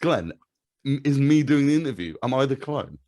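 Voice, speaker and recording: A man from England, a comedian guest in a casual chat, talking in an animated, sweary, rambling way. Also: medium pitch, moderate pace.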